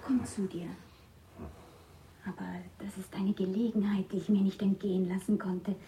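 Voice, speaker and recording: A woman's voice: mid-range voice, little pitch movement, moderate pace, natural voice. A woman playing a brazen, whispering blind nun. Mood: seductive. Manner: hushed, teasing, often whispering.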